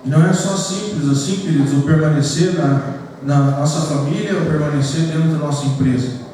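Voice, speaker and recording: A man's voice: fairly high pitch, a little fast, mellow, a little hiss or hum. A man from Brazil, a pastor preaching an earnest sermon to his congregation in a church hall. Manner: earnest, addresses the congregation as "queridos". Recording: echoey church hall picked up from far off.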